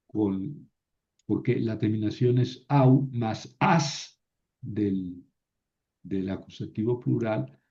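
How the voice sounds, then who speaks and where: A man gives a slow, deliberate grammar lecture, pausing on fillers and asking his students to confirm each step. His voice sits at a middle pitch. The recording is somewhat muffled and lo-fi. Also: warm tone. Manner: patient, halting explanation with many fillers and tag questions. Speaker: teacher. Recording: slightly dull, lo-fi sound.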